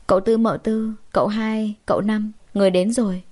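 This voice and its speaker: A woman voicing an older female house servant who speaks flatly and deferentially. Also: medium pitch, brisk, natural voice. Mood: dutiful. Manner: flat, deferential.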